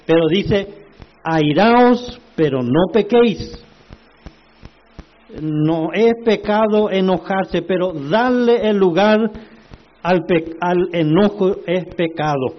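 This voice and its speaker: A man preaching a sermon, slow and emphatic, asking the congregation rhetorical questions. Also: sits high, dull audio.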